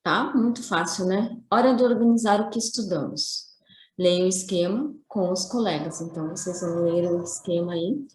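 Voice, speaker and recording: A woman's voice: lowish voice, moderate pace, darkish tone, echoey room. A woman teaching a primary school class in a recorded lesson, explaining step by step with frequent tag questions.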